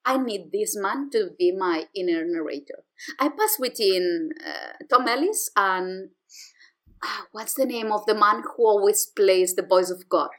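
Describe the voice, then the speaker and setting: A woman's voice: mid-range voice, expressive, measured pace, fairly bright tone. A woman co-hosting a podcast in casual chat, playful and laughing often. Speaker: podcast co-host.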